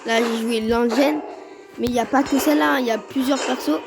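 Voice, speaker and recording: A woman's voice: a little high, fairly even intonation, brisk, gravelly, over loud music, low-quality recording. A woman hosting a gaming video, giving casual gameplay commentary and reacting aloud to the play with exclamations.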